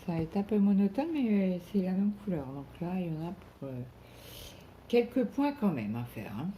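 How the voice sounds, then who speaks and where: A middle-aged cross-stitch vlogger chats casually at home while stitching along with her viewers, thinking aloud and sometimes trailing off. Her voice is lowish and dark-toned, with big pitch swings and a moderate pace. Slight background noise can be heard.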